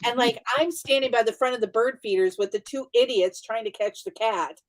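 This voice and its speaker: A woman hosting a casual chat while building, telling a story with animated energy and mimicking voices. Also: a little high, brisk, over a noisy crowd. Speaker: host.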